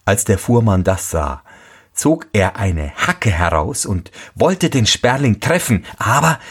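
A man reading a fairy tale aloud as a storyteller, slow and expressive. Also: fairly low pitch, husky.

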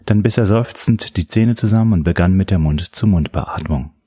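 Deep, husky male audiobook narrator. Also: no room sound, studio quality. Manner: measured, steady storytelling.

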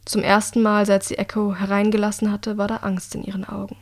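A woman reads a novel aloud as an audiobook narrator. Her delivery is steady and even, in the manner of plain scripted storytelling. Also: medium pitch, a little fast.

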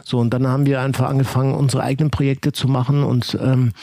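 A man being interviewed, telling long stories in a relaxed, rambling way with many fillers and restarts. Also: mid-range voice, quick pace, vocal fry, no room sound, studio quality. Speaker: guest. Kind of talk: casual interview talk.

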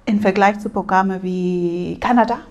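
In a language school room, a Spanish woman whose first language is Spanish answers interview questions in German as an exchange program advisor. Her mid-range, slightly mellow voice holds a steady tone with a gravelly creak. She hesitates often, fills pauses with filler sounds, and makes small grammar slips.

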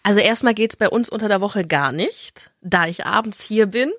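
A woman's voice: medium pitch, moderate pace, no room sound, studio quality. A woman chatting casually and bluntly as a podcast co-host. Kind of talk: casual chat.

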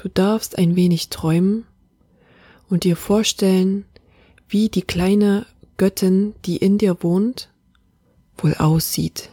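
Breathy soft-spoken woman guiding meditation. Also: mid-range voice, slow pace, no room sound, studio quality. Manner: soft, half-whispered, calm and soothing. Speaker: meditation guide. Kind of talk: guided meditation.

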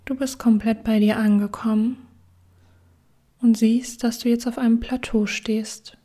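A woman guiding a relaxation meditation in a soft, soothing whisper. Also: fairly high pitch, steady tone, a little slow. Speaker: meditation guide.

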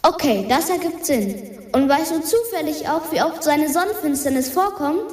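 A woman's voice: high-pitched, lively intonation, moderate pace, darkish tone. A woman voicing a cheerful, chatty female dwarf planet who talks to earthlings in a children's radio science sketch, with an echoing space effect on her voice. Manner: cheerful, calls listeners earthlings. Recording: reverb-soaked echoey voice effect.

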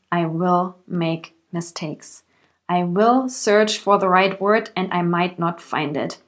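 Speaking in English with a German accent, a native German woman hosts her own podcast as an English coach. Her solo monologue is careful and clear, delivered at a measured pace in a medium pitch.

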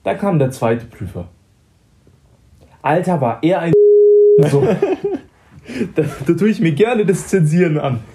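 A man's voice: on the high side, animated, unhurried, long pauses, background noise. A young man in casual chat, telling a story in slang and acting out both sides of a conversation.

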